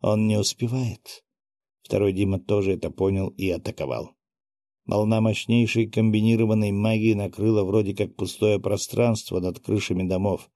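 A man narrating a first-person audiobook in a steady, even reading. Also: lowish voice, moderate pace, dry recording, studio quality.

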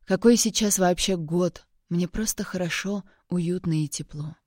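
A woman narrates a first-person romance with steady, measured delivery. Her voice is low and mellow, and the recording is dry and close to the mic. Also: dry recording. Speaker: audiobook reader.

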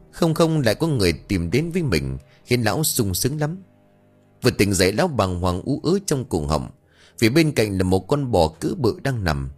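A man narrating a horror audiobook in an expressive storytelling manner. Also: fairly low pitch. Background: faint music.

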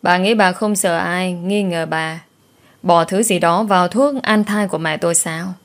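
A woman's voice: on the low side, a little slow. A woman voicing a cold, sarcastic young woman taking revenge.

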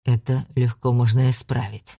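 A woman's voice: a bass voice, flat delivery, normal speed, gravelly, mellow, no room sound, clean studio sound, voice pushed down, full character voice. Woman doing a hissing, sneering demon guardian. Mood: menacing. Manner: hissing, contemptuous, mocking. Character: sneering male demonic guardian, arrogant, menacing.

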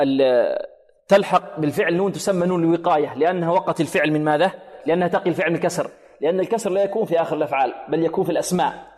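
A man teaching Quran recitation on the radio, with a slightly high voice that rings out in a long reverb. He explains letter sounds in a patient, instructive way and keeps asking his listeners questions he then answers himself. He stretches out and chants example words slowly so that each sound is clear. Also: mellow. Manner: didactic, poses rhetorical questions to listeners. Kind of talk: radio tajweed lesson.

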